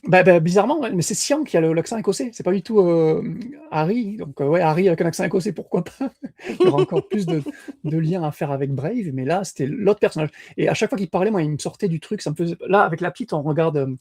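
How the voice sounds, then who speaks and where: A man's voice: high-pitched, animated, fast, darkish tone, husky, dry recording, studio quality. A man co-hosting a podcast in casual chat, hesitant with many fillers and restarts. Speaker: podcast co-host.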